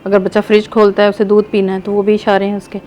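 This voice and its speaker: A woman speaks as the guest expert on a talk show. Her voice sits at a middle pitch, and she explains things in a steady, instructive way. There is faint ambient noise in the room. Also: fast talker, muffled recording. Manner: instructive, quotes parents in anecdotes. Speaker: child speech expert guest. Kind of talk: explanatory interview answers.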